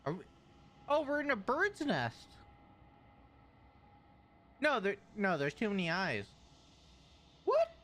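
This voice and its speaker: High-pitched, animated male game streamer. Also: takes it slowly, long pauses. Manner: excitable, repeats words in bursts. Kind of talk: live video game commentary to chat.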